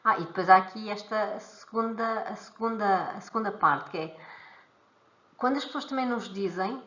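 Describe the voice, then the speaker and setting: A woman's voice: medium pitch, moderate pace, a bit bright. A woman with a European Portuguese accent teaches a weekly live stream on emotions. She explains step by step, restarting words and acting out short dialogues. Her voice sounds a bit muffled in a roomy, echoing space. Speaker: emotional freedom technique teacher.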